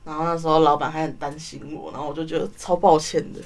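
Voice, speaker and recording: A woman's voice: deep voice, fairly even intonation, fast talker, darkish tone. A woman in her twenties with a Taiwanese Mandarin accent, a student guest chattily telling a story in a radio studio, chaining her sentences with run-ons. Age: 20s. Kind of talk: casual storytelling in a radio interview.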